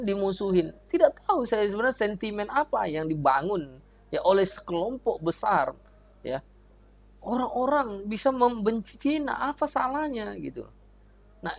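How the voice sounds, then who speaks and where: A man's voice: extremely high pitch, gravelly. A man hosting his channel as an evangelist, commenting earnestly on a video and leaning on tag fillers. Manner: earnest, leans on tag fillers like ya and gitu loh. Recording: dull lo-fi sound.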